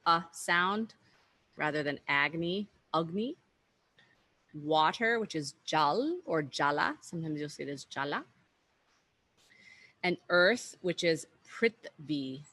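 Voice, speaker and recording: A woman's voice: low voice, fairly bright tone, no room sound. A woman teaching an online workshop, explaining at an easygoing pace with frequent fillers and restarts, over a video call.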